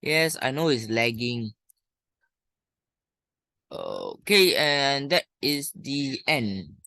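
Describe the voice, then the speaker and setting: Informal primary English teacher, Malaysian or Singaporean accent, unhurried and colloquial, close dry sound. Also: medium pitch, huge pitch swings, gravelly, sharp tone, no echo. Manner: colloquial Singlish-style particles, thinking aloud. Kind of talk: informal lesson, talking through exercises.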